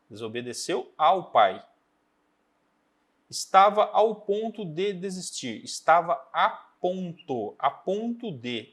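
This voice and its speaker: A man teaching a recorded grammar lesson, explaining step by step and often checking in with a quick "tá?". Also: medium pitch, fairly bright tone. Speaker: Portuguese teacher. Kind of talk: recorded exam-prep lesson.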